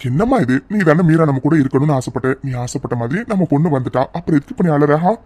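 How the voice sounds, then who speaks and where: A man voicing a calm, gently reassuring middle-aged father in a cartoon. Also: on the high side, quick pace.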